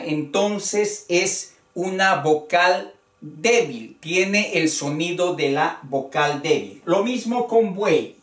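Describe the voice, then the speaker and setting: A Spanish teacher giving a spoken grammar lesson, talking deliberately and counting out syllables one by one. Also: medium pitch, distant mic. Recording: echoey room, voice away from the mic.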